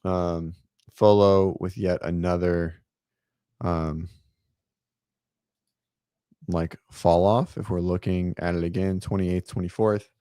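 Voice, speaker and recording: A man's voice: low-pitched, flat delivery, takes it slowly, long pauses, dark tone, clean tone, no echo, studio quality. A man hosting a fitness show, chatting loosely about competition results with lots of fillers and the odd swear word, over a call setup. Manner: loose, profane, filler-heavy commentary. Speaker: fitness podcast host. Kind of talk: casual chat. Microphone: remote call setup.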